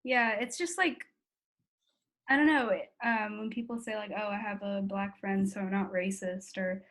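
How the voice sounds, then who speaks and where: At normal speed, with medium pitch, fairly even intonation, and a fairly bright tone, an eighteen-year-old woman speaks in an American accent. Born in the Philippines and raised in the US, she's interviewed in a family conversation, casually and candidly reflecting on herself with lots of "like".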